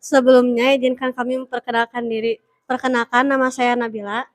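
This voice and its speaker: A woman student presenting to a class in an even, measured way. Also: on the high side.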